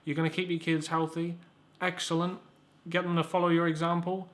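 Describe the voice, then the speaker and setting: A man's voice: fairly high pitch, level tone, brisk, a bit bright. A young man hosting a comedic review, rambling and sarcastic, with stammered restarts and casual swearing. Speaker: YouTube reviewer, host. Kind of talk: casual comedic video commentary.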